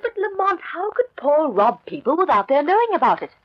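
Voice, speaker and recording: An actress playing a plucky, stubborn, loyal heroine in an old radio drama, earnest and expressive. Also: female voice, high-pitched, brisk, dull audio, soft background music. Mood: earnest, curious. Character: plucky, stubborn, loyal female companion of a crime fighter. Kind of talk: vintage radio drama acting.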